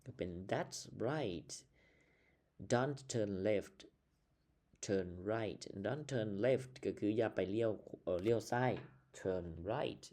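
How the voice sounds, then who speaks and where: A man with a Lao accent teaches English at a slow, patient pace, breaking words down letter by letter. His voice sits low and warm. He is recorded through a computer's built-in microphone. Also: animated. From Laos. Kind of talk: casual lesson explanation.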